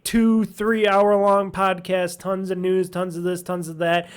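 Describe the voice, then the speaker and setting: A man hosting a casual solo gaming podcast from his home office, with a nasal voice, rambling and joking at his own expense. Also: sits high. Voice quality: self-described nasal voice. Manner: rambling and jokey, laughs at himself. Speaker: podcast host. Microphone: desk mic at home office.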